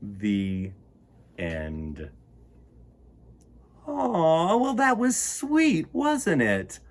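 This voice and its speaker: A man hosts a children's storytime, reading a picture book and chatting playfully with young listeners in a whimsical, rambling way. His slightly high voice swoops wildly in pitch, and he draws out his words.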